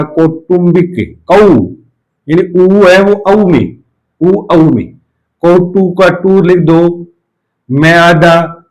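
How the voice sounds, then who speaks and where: Higher-pitched Hindi teacher, slow and repetitive. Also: male voice, a little mellow, poor audio. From India. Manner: asks questions and answers them himself, repeating key words slowly. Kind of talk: spelling lesson for exam students.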